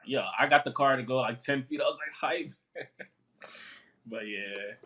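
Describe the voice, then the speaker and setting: Young man from Africa, podcast co-host, casual chat, laid-back, laughs often, mid-pitched voice. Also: normal speed, pushed and bright.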